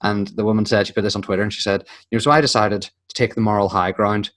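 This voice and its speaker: Casual man, lower voice. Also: flat delivery, fast talker, fairly bright tone. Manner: swears freely, acts out quoted voices. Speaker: podcast co-host. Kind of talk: casual chat.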